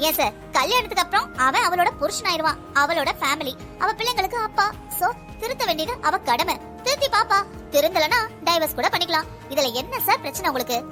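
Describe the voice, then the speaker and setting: A woman voicing a shrill, quick-tongued cartoon policewoman. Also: expressive, music in the background. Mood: arguing. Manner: argumentative, indignant. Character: sharp-tongued young policewoman, later an angry mother-in-law. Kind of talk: cartoon dubbing.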